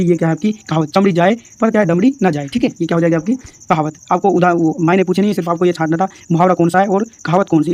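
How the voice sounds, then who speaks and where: A man's voice: high-pitched, no room sound. A man walking through exam answers in a lesson, addressing viewers as friends and answering his own questions. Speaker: teacher explaining exam answers.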